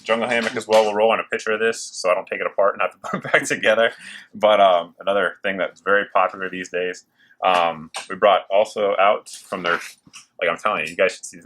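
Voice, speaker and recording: A fast-talking man with a low, steady, slightly bright voice hosts a gear review, giving an informal and enthusiastic showcase to camera. Behind him, factory machines work and click.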